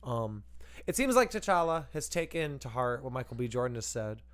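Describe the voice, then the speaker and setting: A man's voice: medium pitch, sing-song, moderate pace, smooth. A man co-hosting a podcast, chatting casually and profanely about a movie, rambling and laughing as he acts out bits. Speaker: podcast co-host. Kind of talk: casual movie review chat.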